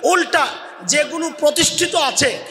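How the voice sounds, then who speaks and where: A man preaches a waz in a very high, sharp, forceful voice. He drills the crowd with questions and makes them repeat the answers. His voice rings through a roomy space with a long reverb tail. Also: expressive, normal speed. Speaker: Islamic preacher. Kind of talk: Bengali waz sermon with call-and-response.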